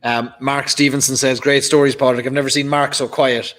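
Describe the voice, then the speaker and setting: A man's voice: mid-range voice, flat delivery, a little fast, background noise. An Irish-accented man hosting a live online chat in a casual, conversational way. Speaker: host of a live online tasting.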